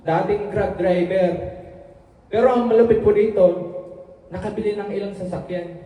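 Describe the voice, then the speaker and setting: A man with a mellow, higher-pitched voice works up an audience before introducing a speaker. He is heard from far off in a long-reverb meeting hall. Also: steady tone, moderate pace. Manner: hyping, repeatedly asks the audience to listen. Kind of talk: event emcee addressing an audience.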